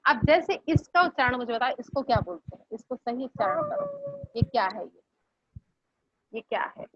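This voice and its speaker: A woman teacher giving a slow, patient online lesson, asking her students questions. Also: high-pitched, huge pitch swings, husky, dry recording. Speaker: Hindi teacher. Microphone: video call. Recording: muffled online class audio.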